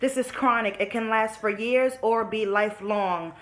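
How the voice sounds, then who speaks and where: Frank and casual, a vlogger in her early twenties shares her story with her audience, cursing freely and addressing them as "y'all," in a fairly bright, highish voice at normal speed.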